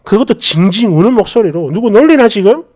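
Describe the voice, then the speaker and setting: A woman's voice: mid-range voice, lively intonation, brisk, darkish tone. A woman reading a first-person story aloud, with an indignant, questioning tone. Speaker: story narrator.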